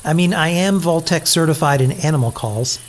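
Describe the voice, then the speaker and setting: An actor plays a hapless, clueless-sounding applicant in a comic audio drama. The mid-pitched voice is hesitant and awkward, with loud noise behind it. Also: moderate pace, lightly acted.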